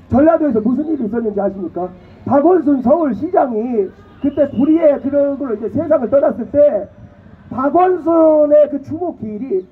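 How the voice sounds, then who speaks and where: Fiery high-voiced Jeolla man rallying a crowd. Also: husky. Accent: Jeolla dialect. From Jeolla, South Korea. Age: young adult. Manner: fiery, keeps prodding the crowd with rhetorical questions and bursts of shouting. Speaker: rally speaker. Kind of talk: impassioned political rally speech. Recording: tinny phone-like audio with faint noise.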